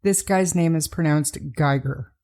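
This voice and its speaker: Low, mellow-voiced woman podcast host. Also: steady tone, normal speed. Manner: hesitant, many ums and restarts. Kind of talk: casual podcast chat.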